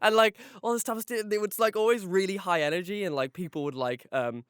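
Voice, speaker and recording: A man's voice: high voice, a little fast, fairly bright tone, smooth, no room sound, clean studio sound. A man hosting a podcast in casual chat, rambling along with lots of dude-and-man slang. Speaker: podcast host.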